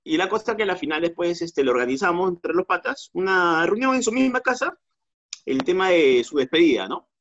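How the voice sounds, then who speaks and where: A man's voice: sits high, very animated, a little fast, a bit bright. A man telling a drinking story in casual chat, slangy and repeating words for effect. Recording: dull lo-fi sound.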